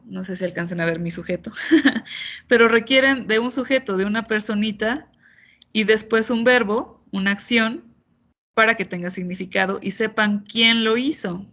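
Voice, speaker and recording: Gravelly-voiced woman teaching grammar online. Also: medium pitch, fairly bright tone. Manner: patient, explanatory, playful asides. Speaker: English teacher.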